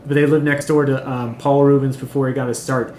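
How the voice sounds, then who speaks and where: Here a Chilean man co-hosting a podcast talks a little fast in a medium-pitched, slightly mellow voice with little pitch movement. It's a casual, rambling chat peppered with ums and swearing, recorded in an echoey room with faint noise.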